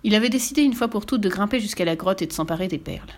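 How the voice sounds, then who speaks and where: A woman narrating a children's storybook in a calm, steady way. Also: medium pitch, racing. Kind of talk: storybook reading.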